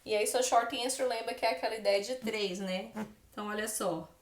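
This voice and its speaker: A woman's voice: on the high side, brisk, reverberant. A Brazilian woman teaching English grammar in Portuguese, patiently explaining and often checking in with her students. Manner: explains patiently with frequent "né?" and "tá bom?" check-ins. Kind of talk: classroom-style grammar lesson. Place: room where she writes on a board.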